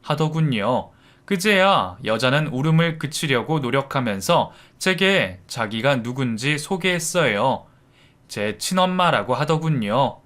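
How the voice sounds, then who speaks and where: A man's voice: medium pitch, big pitch swings, measured pace, fairly bright tone. A man narrating a first-person family drama story in an emotional, confessional way.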